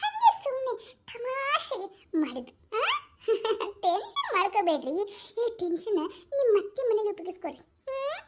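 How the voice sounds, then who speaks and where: A cheeky young woman friend, as a woman puts her on in a comedy skit, giggling through mock-wise tips. She speaks in a North Karnataka accent with a very high voice that leaps up and down. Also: very animated, moderate pace, a little hiss or hum. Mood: playful. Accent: North Karnataka Kannada. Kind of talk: comic skit dialogue.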